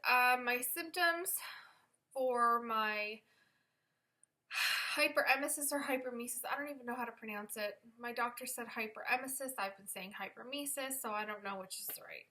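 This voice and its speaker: Young woman, bright voice, fairly high, candid casual vlog chat, a little tired. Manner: candid, chatty, self-conscious laughs. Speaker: vlogger. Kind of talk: casual pregnancy update vlog.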